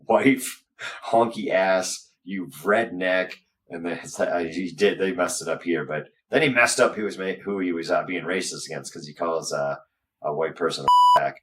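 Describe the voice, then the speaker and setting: Low-voiced man, a little off-mic. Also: fairly bright tone, far from the mic, a little hiss or hum. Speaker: guest, business owner recounting an incident. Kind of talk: casual conversational recounting.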